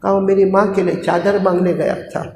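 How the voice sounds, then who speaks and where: A man's voice: sits high, flat delivery, a little fast. Male preacher, emotive storytelling, big dynamic swings; echoey hall with faint noise. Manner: dramatic, swings from hushed to shouting.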